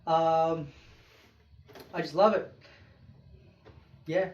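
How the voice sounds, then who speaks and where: A man's voice: on the high side, steady tone, very slow, darkish tone, recorded from a distance, muffled recording. A man casually reviewing keytars in his small home studio, rambling and enthusiastic, with many fillers. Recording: roomy studio with keyboard music behind.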